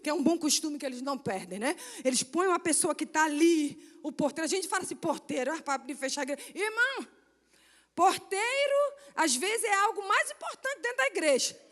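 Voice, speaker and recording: A woman from Brazil with a Rio de Janeiro accent, giving an animated testimony sermon and acting out the people in her story, often asking "né?" and "amém?". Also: high voice, fast, in a large hall. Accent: Brazilian Portuguese, Rio de Janeiro. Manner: animated storytelling, acts out quoted voices, frequent "né?" and "amém?". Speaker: guest missionary speaker. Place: church sanctuary.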